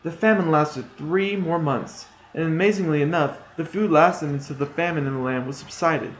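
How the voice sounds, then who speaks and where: In an echoey room, a male student tells a rewritten fairy tale in a plain, slightly hesitant manner. His voice is fairly high-pitched and moves at a normal pace.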